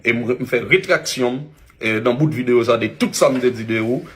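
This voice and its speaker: A man with a Haitian accent, an influencer giving a halting public video apology with many restarts. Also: medium pitch.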